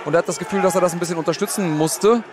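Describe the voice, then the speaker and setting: A man's voice: sits high, rapid-fire. A man giving analytical live fight commentary as the expert, explaining as he goes. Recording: loud arena crowd noise behind.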